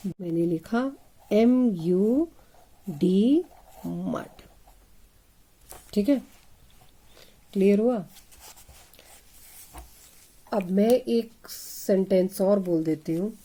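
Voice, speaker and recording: Woman, phonics teacher, very slow, warm dark tone, spells letter by letter. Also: medium pitch. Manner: spells words letter by letter and sounds them out slowly; addresses pupils as children, asking questions. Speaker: English teacher. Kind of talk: slow phonics lesson for children.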